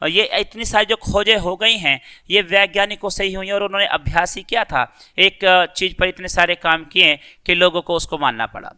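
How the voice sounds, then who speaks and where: A man's voice: sits high, moderate pace, few pauses, bright, forceful tone, smooth. A man teaching a children's class, reading a story aloud and then explaining it in simple words. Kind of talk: reading and explaining a school lesson.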